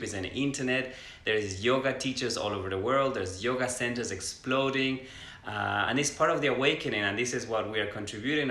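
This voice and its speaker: A man's voice: lowish voice, sharp tone, echoey room. A man from Ecuador, a yoga teacher co-hosting a live stream, talking in an earnest, expansive way about spiritual ideas. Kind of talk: casual live stream chat.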